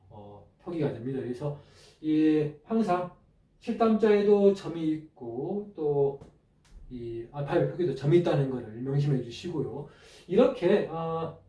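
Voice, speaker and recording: Man, fairly high voice, warm dark tone, halting classroom lecture. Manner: halting, many fillers, pointing through steps. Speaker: teacher of Siddham script. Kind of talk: spoken lecture explaining script on a board. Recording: distant mic, echoey room.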